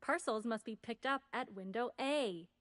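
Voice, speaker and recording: A woman's voice: on the high side, normal speed, fairly bright tone, close to an everyday voice. An actress voicing a stiffly polite female parcel service clerk who sounds robotic.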